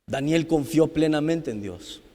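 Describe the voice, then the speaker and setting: A man preaching a sermon, building to loud, fervent peaks. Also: a little high, expressive, measured pace. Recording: long hall reverb.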